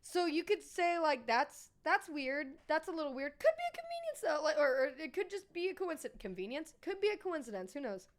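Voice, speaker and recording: A woman's voice: sits high, lively intonation, normal speed, few pauses. A woman streamer chatting casually with her live viewers, rambling and swearing freely.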